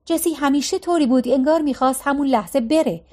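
Narrator: woman, high voice, calm and measured storytelling. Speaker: audiobook narrator.

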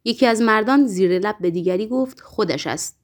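A woman reads a novel aloud in a measured, dramatic storytelling voice. Her pitch sits in an ordinary middle range. She paces the scenes with care, like a practiced audiobook narrator. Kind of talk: scripted literary narration.

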